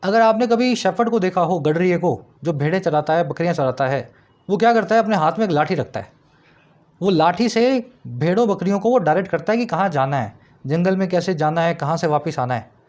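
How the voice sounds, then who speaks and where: High-voiced tutor. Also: male voice, animated, darkish tone. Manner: explanatory, asks students rhetorical checks, reads example sentences slowly. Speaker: English tutor. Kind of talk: vocabulary lesson explaining words.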